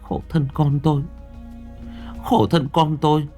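A man's voice: big pitch swings, fairly quick, darkish tone, soft background music. A man voicing a poor, beaten middle-aged mother who pleads tearfully in a raised, strained voice. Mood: pleading. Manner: tearful, begging, high strained pitch.

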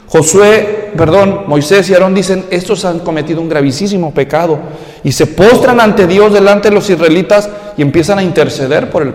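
A man preaching a sermon, animated and humorous, acting out quotes in a raised voice. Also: high voice. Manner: humorous storytelling asides. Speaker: pastor. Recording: echoey hall reverb.

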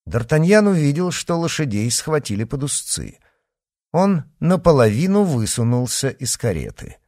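A man narrating an adventure novel in an expressive, storytelling way. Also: fairly high pitch, moderate pace, no room sound, clean studio sound. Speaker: audiobook narrator. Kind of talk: scripted narration.

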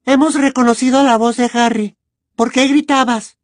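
A woman voicing a curious, sharp-tongued teenage girl witch who speaks coolly and directly. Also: high voice, fairly even intonation, moderate pace, no echo, studio quality, natural voice. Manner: cool and direct.

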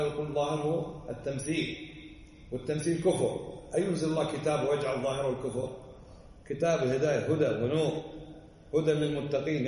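A man's voice: mid-range voice, mellow. A male religious teacher lecturing on a classic text. He speaks with emphasis and keeps asking his listeners pointed questions. The voice sits back from the mic in a big, echoing hall with a long reverb tail. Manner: emphatic, fires rhetorical questions. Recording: echoey hall, voice far from the mic, faint background noise.

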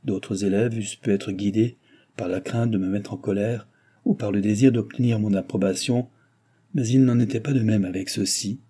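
A man reading a novel aloud as an audiobook narrator, in a measured, even storytelling manner. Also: fairly low pitch, breathy edge. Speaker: audiobook reader.

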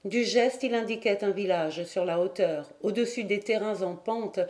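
Mellow-voiced woman reading an audiobook. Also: mid-range voice. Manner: measured, even storytelling. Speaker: audiobook reader. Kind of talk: literary audiobook narration.

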